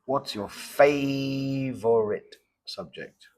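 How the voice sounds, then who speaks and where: A man's voice: medium pitch, extremely slow, darkish tone. A man acting as examiner in a mock English speaking test, asking simple questions and patiently repeating and rephrasing them. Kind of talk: mock oral exam questions.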